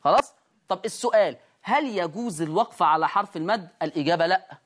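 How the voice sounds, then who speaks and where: A woman's voice: fairly low pitch, lively intonation, fast. A woman with an Egyptian accent teaching tajweed on screen, explaining step by step and asking and answering her own questions. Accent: Egyptian Arabic. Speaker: Quran recitation teacher. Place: studio lesson with a control room.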